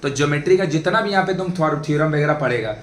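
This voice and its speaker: A man's voice: a little high, lively intonation, very fast. A man teaching a math lesson to a class, chatty and often checking that the students follow. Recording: echoey classroom, faint background noise.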